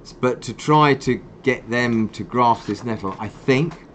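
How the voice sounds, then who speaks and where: A man's voice: medium pitch, unhurried, fairly bright tone, slight background noise. A man hosting a live stream for a wildlife charity. He talks with passion and ranting zeal and pokes fun at himself. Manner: passionate, ranting, self-mocking.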